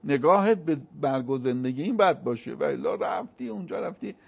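A man's voice: on the high side, expressive, creaky, slightly rough. A man giving a religious lecture as a guest, speaking in a preacherly way that rises into emphatic declamation. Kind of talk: religious talk on a show. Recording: dull lo-fi sound.

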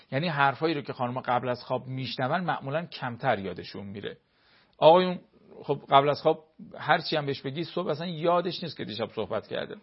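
A man's voice: on the high side, slightly rough, dull audio. A man, a cleric, giving earnest marriage advice in an explanatory talk full of everyday examples.

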